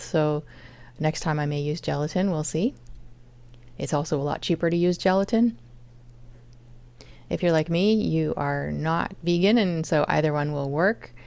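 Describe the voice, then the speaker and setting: Low, gravelly woman chatting through a recipe. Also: a little mellow, dry recording. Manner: chatty, explains each step. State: chronic fatigue. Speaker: home cooking vlogger. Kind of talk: casual cooking vlog narration.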